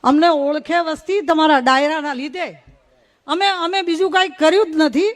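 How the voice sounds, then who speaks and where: High-voiced woman. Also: moderate pace. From North Gujarat. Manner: folksy storytelling with rhythmic rhyming phrases. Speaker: invited speaker at a folk gathering. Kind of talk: humorous public speech. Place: village gathering on stage.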